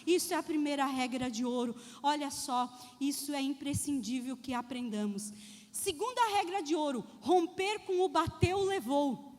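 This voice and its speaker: A woman pastor giving a lively sermon. She speaks straight to the congregation and acts out the voices in her stories. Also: high-pitched, normal speed. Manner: addresses the congregation directly. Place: church. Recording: long church hall reverb.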